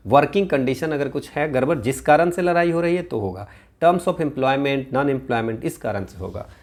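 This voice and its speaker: A man giving an exam-prep lecture in a mix of Hindi and English, often asking "है ना?" and "ठीक है" to check on his students. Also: medium pitch. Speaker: teacher.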